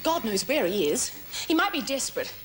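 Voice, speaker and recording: An actress playing a distraught young actress who pleads emotionally. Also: female voice, a little high, sing-song, fairly quick, fairly bright tone, soft background music.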